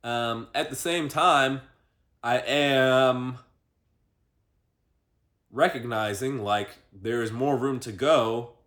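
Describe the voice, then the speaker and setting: A man's voice: mid-range voice, slow, pauses often, a bit bright. Man musing aloud with many fillers. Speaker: vlogger. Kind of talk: reflective personal vlog monologue.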